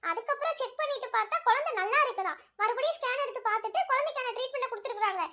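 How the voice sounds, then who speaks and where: A woman voicing an excitable, devout female friend in a cartoon, gushing with excitement. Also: very high-pitched, racing. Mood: excited.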